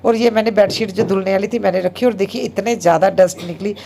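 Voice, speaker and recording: A woman in her thirties, a homemaker vlogger, chatting casually and very fast with many fillers. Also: mid-range voice, fairly even intonation, vocal fry, mellow, a little hiss or hum. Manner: talks very fast. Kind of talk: casual vlog narration.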